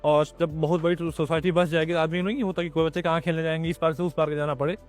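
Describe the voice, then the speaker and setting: A man representing a property project, giving a rambling, repetitive sales pitch outdoors. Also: flat delivery, fast, faint music behind. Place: outdoors at a plot site.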